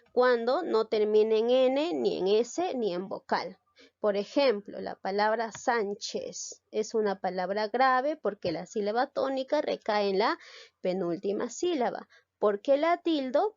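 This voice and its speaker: A woman's voice: fairly high pitch, darkish tone, no room sound. A woman teacher giving a recorded class, explaining step by step and asking and answering her own questions. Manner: checks understanding with a short tag question. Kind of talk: recorded online class lesson. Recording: dull lo-fi dry recording.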